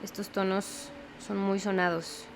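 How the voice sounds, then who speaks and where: A young woman teaches watercolor step by step, explaining slowly and patiently and often checking in with the viewer. Her voice is mid-pitched for a woman with little pitch movement, and a faint background hiss runs beneath it.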